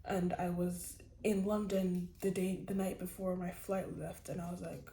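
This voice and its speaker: A woman's voice: fairly low pitch, little pitch movement, a little slow, gravelly, warm tone, reverberant. A teenage girl chatting casually to the camera, telling a rambling personal story with many restarts. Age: teens. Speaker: vlogger. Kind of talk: casual chat.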